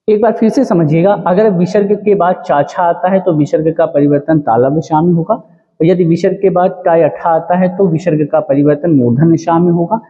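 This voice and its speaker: A man with a fairly high voice teaches an exam-prep grammar lesson. He repeats every rule and keeps quizzing the listener, dragging out the syllables of each example word. The sound is tinny and lo-fi, with a long, ringing echo. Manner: drawn-out, spelled-out syllables on the examples.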